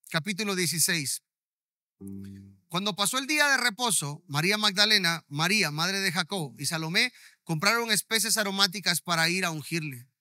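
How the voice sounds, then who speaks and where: High, bright-voiced preacher. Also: male voice, dry recording, clean studio sound. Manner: emphatic, often checking in with the audience. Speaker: pastor. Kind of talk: sermon.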